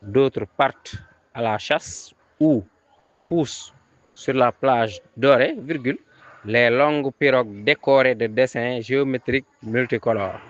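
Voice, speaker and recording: A man's voice: medium pitch, unhurried, no echo. A man reading a dictation aloud, repeating each phrase several times and calling out the punctuation. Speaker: teacher giving a dictation. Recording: dull lo-fi recording.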